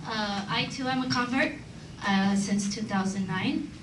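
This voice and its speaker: A woman's voice: medium pitch, unhurried. A woman in her thirties from Los Angeles, speaking up at a community meeting, earnest and reflective, with many hesitant fillers. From Los Angeles, United States. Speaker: audience member at a community meeting. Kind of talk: personal testimony in open discussion. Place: large meeting room indoors. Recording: roomy hall, distant mic, faint hiss.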